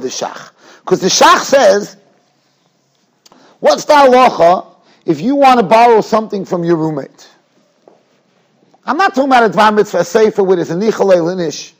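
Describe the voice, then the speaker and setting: A high-voiced man teaches Talmud. His delivery is informal and emphatic, built on storytelling and questions put to his listeners. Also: fairly bright tone. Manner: emphatic, questioning sing-song with rhetorical tags. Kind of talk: animated informal religious lecture with storytelling.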